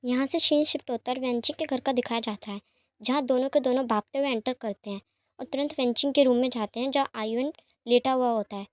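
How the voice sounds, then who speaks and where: A woman with a high voice reads a romance fan fiction aloud in a plain, even manner, playing every part herself. The recording is close and dry, with no room sound. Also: fast talker, dry recording. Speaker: storyteller.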